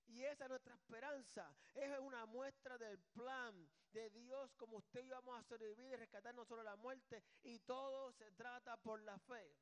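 A male pastor with a strikingly high voice delivers a sermon. He talks to the congregation conversationally and drops in jokes. His delivery swings between quiet asides and loud, emphatic bursts.

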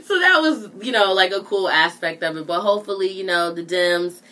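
A young woman co-hosting a casual chat, animated and laughing often. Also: on the low side, fairly quick, crowd noise. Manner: animated, laughs often, sings snatches of songs.

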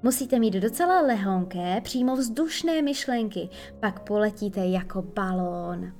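A woman's voice: mid-range voice, animated, a little mellow, faint music behind, close to an everyday voice. A woman voicing a boastful, cocky boy who never grew up, eager and proud. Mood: bossy.

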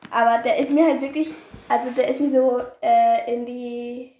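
A woman's voice: fairly high pitch, fairly even intonation, moderate pace, highs cut off. A teenage girl co-hosting a podcast, telling stories in a rambling, giggly way with lots of fillers. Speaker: podcast co-host. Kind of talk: casual storytelling chat. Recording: echoey room.

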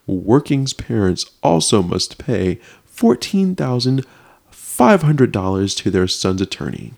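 A man's voice: lowish voice, big pitch swings, vocal fry, darkish tone. Man reading news with dramatic flair. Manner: reads news in a put-on dramatic voice; halting, restarts often. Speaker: podcast co-host. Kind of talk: casual chat, reading a news story aloud.

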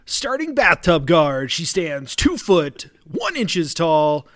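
A man putting on a booming announcer voice, hyping up a toddler's bath as if it were a big event. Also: sing-song, slow, a bit bright, dry recording, clean studio sound, exaggerated voice. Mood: booming hype.

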